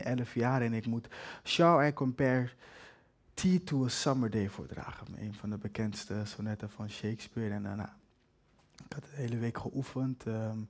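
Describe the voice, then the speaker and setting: A man's voice: medium pitch, a little mellow. Brief: young male spoken-word performer, hesitant and wry personal storytelling. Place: live stage with an audience.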